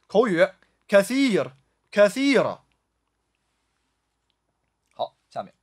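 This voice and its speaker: Guy teaching vocab, says each word over and over real slow, lots of "ah"s, high voice. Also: fairly bright tone, breathy edge. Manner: drills each word slowly, repeating it several times; frequent drawn-out "ah" fillers. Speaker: Arabic language teacher. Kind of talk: vocabulary lesson.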